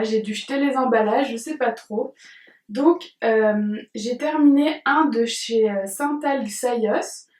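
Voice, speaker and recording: A woman's voice: a little high, a little mellow, distant mic. A young woman from France reviewing used-up beauty products in a casual, chatty way, with frequent hesitations. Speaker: beauty vlogger. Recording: roomy, from off the mic.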